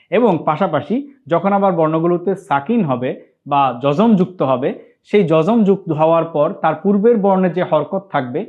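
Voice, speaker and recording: A man teaching Arabic letters in a recorded online lesson, sounding out each syllable slowly and repeating the drills. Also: high-pitched. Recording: tinny phone-like sound.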